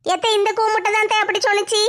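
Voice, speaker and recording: A woman voicing a meek, put-upon young daughter-in-law in a comedy skit, slower and plaintive. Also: very high-pitched, level tone, fairly bright tone. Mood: defensive.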